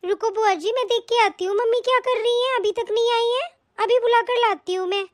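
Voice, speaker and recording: A kind young daughter-in-law in a cartoon story, as a woman voices her, polite and respectful, with a very high, bright voice. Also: a little fast. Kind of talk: animated story voice acting.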